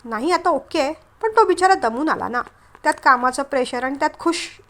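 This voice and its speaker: A woman's voice: high voice, lively intonation, fairly quick, a bit bright. A woman reading a casual, easygoing young man.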